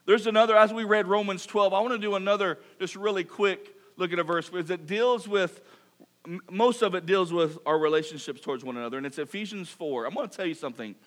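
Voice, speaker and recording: A man's voice: high-pitched, fast talker. A middle-aged man preaching a sermon, reading Scripture aloud and acting out mock apologies with humor. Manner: lively preaching, reads Scripture, mock-apologizes in funny voices. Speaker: pastor.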